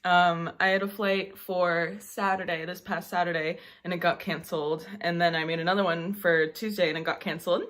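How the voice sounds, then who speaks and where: A woman's voice: lowish voice, fairly even intonation, normal speed, few pauses, a bit bright. A young woman from the United States chatting informally to her viewers in a casual vlog update. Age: young adult. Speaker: vlogger.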